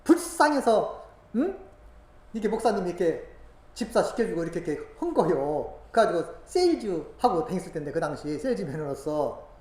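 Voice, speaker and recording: A woman preaching a sermon full of personal testimony, swinging from hushed asides to loud, emotional exclamations. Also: on the low side, lively intonation, a little fast. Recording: roomy echo, faint background noise.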